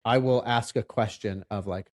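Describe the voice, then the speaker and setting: A man's voice: on the low side, fairly even intonation, moderate pace. Chatty man explaining things casually. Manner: conversational, explains with examples and asides. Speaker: loan officer, podcast co-host. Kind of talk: casual podcast conversation.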